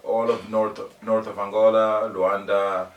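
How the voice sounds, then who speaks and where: An older man from Congo, a guest musician in a casual interview, speaking haltingly with many fillers and restarts. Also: fairly low pitch, level tone, lo-fi sound. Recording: roomy, distant mic, faint noise.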